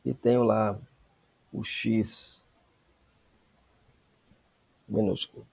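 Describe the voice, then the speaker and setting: A man teaching a Greek lesson, explaining slowly and checking in with frequent tag questions. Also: on the low side, little pitch movement, creaky, a little mellow, breathy edge. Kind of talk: classroom lesson.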